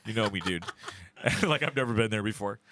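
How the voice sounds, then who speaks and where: A man's voice: fairly low pitch, normal speed, no room sound. A man co-hosting a casual comedy podcast, joking and acting out voices as he tells stories. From Miami. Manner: animated, jokey, acts out voices in stories. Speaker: podcast co-host.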